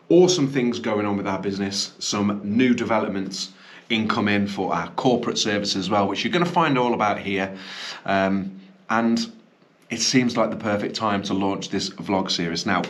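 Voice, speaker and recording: With a lowish voice and a slight cough, this channel host and business owner keeps his casual vlog chatty and upbeat, sprinkling in ums and correcting himself. He's recording from a small indoor studio.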